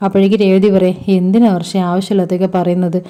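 Woman recapping a tv serial, talks super fast, deep mellow tone, runs through everyone's lines. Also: flat delivery. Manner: rapidly paraphrases each character's lines in turn. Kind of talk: casual retelling of a TV serial episode.

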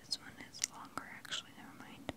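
Casting: woman for a whispered ASMR unboxing, fully unvoiced and breathy, thinking aloud gently at close mic. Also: quick pace. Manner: talks with a candy in the mouth. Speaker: ASMR video creator.

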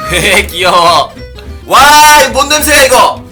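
A man giving playful let's-play commentary on a racing game, often shouting excitedly. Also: very high voice, slow pace, music in the background. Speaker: gaming streamer.

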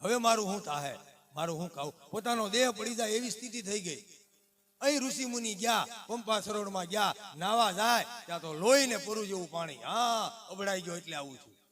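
High-voiced kirtan singer-storyteller. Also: male voice. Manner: alternates slow sung verses with spoken retelling, addresses listeners as bapa. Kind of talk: devotional kirtan with sung verses and spoken storytelling. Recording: music playing loudly behind the voice.

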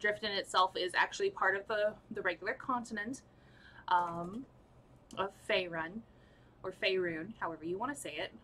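A young woman narrating as dungeon master on a live stream, halting and full of fillers, laughing at her own slips. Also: mid-range voice, pushed and bright, a little hiss or hum, rough recording.

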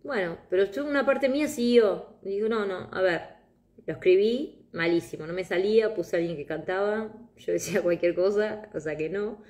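A middle-aged woman, giving a live meditation talk in a soft, reflective way, telling personal stories. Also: mid-range voice, moderate pace. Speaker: meditation guide.

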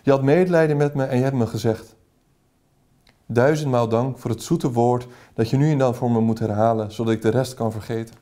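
A devoted young man pleading his love, read by a man from a novel. The speech is earnest and passionate, delivered in a dark, mellow voice at an ordinary middle pitch. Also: steady tone, fairly quick, natural voice. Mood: ardent.

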